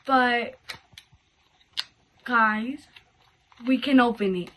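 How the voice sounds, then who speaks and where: High-voiced young-sounding female unboxing vlogger. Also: extremely slow, a bit bright, a little hiss or hum. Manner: informal, repeatedly addressing viewers as "guys". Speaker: host of a toy unboxing video. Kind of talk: casual chatty unboxing vlog.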